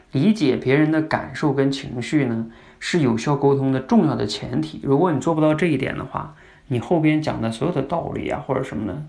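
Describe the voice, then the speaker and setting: A man with a gravelly, creaky voice hosts a podcast that teaches communication. He explains things conversationally and keeps asking his listeners questions, at a medium pitch. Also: a little mellow.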